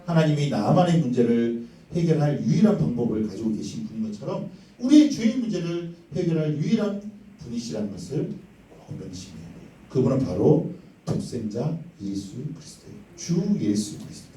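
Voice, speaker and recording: A male children's pastor telling a story to children in a lively, expressive voice that swings widely in pitch. His tone is mellow, and he is recorded from afar in an echoey church sanctuary with faint room ambience. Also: fairly quick, recorded from a distance, a little hiss or hum. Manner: animated, dramatic storytelling with questions to kids.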